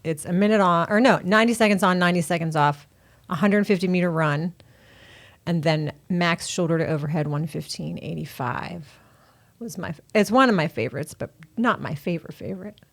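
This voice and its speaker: Casting: lower female voice, friendly gym co-host, easy laughing chat. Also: a little fast, gravelly. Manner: chatty, laughs easily. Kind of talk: casual podcast chat.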